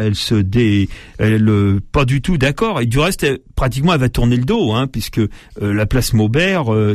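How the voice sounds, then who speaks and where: A man's voice: mid-range voice, a little mellow, dry recording, clean studio sound. Hesitant French man reading old newspapers. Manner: hesitant, many fillers and restarts between read passages. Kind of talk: reading aloud with spoken commentary.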